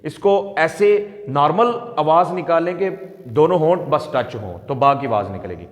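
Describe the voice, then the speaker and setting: A male recitation teacher who repeats his points, quizzes his students and stretches out sounds slowly to demonstrate them. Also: a little high, expressive. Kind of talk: teaching lesson. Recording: echoey room with long reverb.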